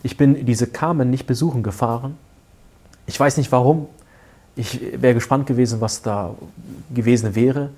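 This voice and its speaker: A man earnestly recounting a personal experience in casual speech, halting now and then and dropping to hushed asides. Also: mid-range voice. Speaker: guest telling a personal story. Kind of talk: casual spoken storytelling.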